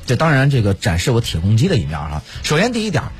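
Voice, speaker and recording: A man from Pingdingshan in Henan co-hosts a casual chat, his medium-pitched voice racing as he tells stories. He is an animated storyteller who acts out phone calls and laughs often, with soft music in the background.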